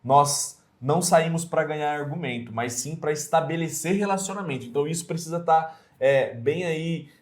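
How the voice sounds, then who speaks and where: A man with a Brazilian Portuguese accent speaks in a relaxed mentoring chat. His voice sits a bit high for a man. He talks earnestly and fills his pauses with hesitant sounds. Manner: earnest, many hesitation fillers. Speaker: evangelism mentor.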